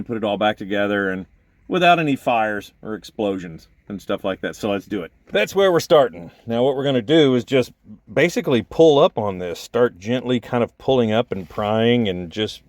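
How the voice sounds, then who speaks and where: A man's voice: medium pitch, no room sound. Guy walking you through a car fix, jokey and chatty, dry close sound. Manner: joking, chatty, deadpan asides. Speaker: DIY car repair host. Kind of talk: casual how-to tutorial.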